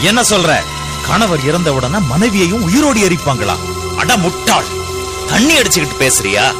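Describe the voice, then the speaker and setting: A man playing a stern foreign officer who gives forceful, commanding orders. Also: high-pitched, big pitch swings, normal speed. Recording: loud background music.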